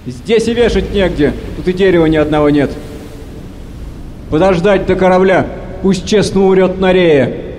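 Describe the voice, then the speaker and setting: A man's voice: sits high, normal speed, long pauses, darkish tone, slight background noise, natural voice. An actor playing a defiant old male sailor who mocks his captain, in an audio play reading. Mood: mocking. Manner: mocking, raised voice. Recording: long hall reverb.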